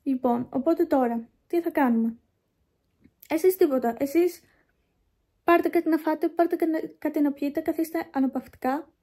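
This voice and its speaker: A woman's voice: high voice, warm tone. A young woman vlogging in a chatty, rambling way, talking straight to her viewers on a phone held at arm's length. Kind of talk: casual vlog chat.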